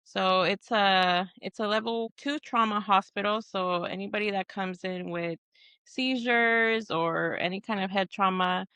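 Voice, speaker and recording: A woman's voice: mid-range voice, a little slow, bright, forceful tone, clean tone, no room sound. A woman from Texas, a Marine veteran guest, answering interview questions earnestly with frequent restarts and fillers. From Texas, USA.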